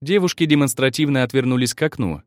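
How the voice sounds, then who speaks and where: A man narrating first-person fiction in an expressive reading. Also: mid-range voice, quick pace, no echo, clean studio sound. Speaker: audiobook narrator.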